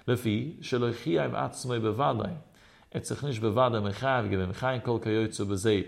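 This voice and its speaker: Gravelly guy teaching talmud, singsong chant, keeps asking and answering himself, medium pitch. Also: normal speed. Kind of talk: traditional Talmud lecture.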